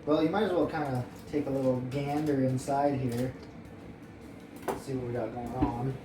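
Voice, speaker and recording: A man's voice: medium pitch, steady tone, moderate pace, noisy background. A man hosting a home cooking video who chats casually, rambles and jokes while he works. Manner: rambling, joking, playful. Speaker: home cook and host. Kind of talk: casual cooking show chat. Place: home kitchen. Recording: echoey kitchen, mic at a distance.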